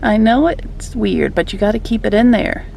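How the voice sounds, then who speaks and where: A woman's voice: medium pitch, moderate pace, vocal fry, dark tone, a little hiss or hum. A middle-aged woman chatting casually as a vlogging mother, coaxing and repeating instructions as if to a child. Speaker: mother vlogging with her son. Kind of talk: casual vlog chat. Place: inside a car.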